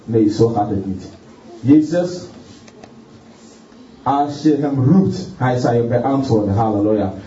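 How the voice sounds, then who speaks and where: Halting fervent preacher man, far off. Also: mid-range voice, mellow. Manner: fervent, halting, punctuates with hallelujah, many repeated words. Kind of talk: sermon. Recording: distant, roomy, dull sound.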